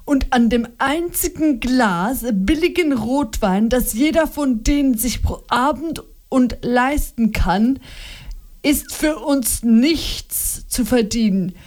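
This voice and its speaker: A defensive, irritable innkeeper, read by a woman in a fairly high voice. She speaks slowly and deliberately, justifying himself. It sounds like an audiobook read aloud. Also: lively intonation, darkish tone. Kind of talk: audiobook reading.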